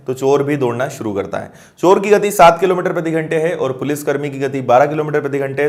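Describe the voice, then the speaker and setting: A man's voice: on the high side, a little mellow. A man teaching maths, explaining word problems step by step and checking that students follow. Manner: explanatory, checks understanding with questions. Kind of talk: explaining math problems on a board.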